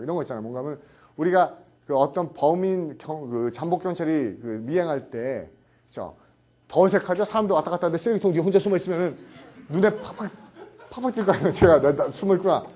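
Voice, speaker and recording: A middle-aged male lecturer teaching vocabulary with a lively, swinging delivery. His tone is mellow and fairly high for a man, and he keeps repeating terms and checking that his students follow. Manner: animated, repeats words and checks with "그쵸?". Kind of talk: classroom lecture.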